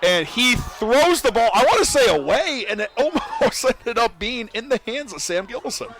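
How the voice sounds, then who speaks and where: Student play-by-play announcer, young man, high-pitched, bursts of excitement on big plays, stadium air behind him. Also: moderate pace. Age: young adult. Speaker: play-by-play commentator. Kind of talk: college football commentary.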